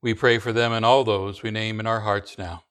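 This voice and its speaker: Smooth-voiced man reciting church prayers. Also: lowish voice, fairly even intonation, a bit bright. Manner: slow, measured recitation with small restarts. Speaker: pastor. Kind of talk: liturgical prayer reading.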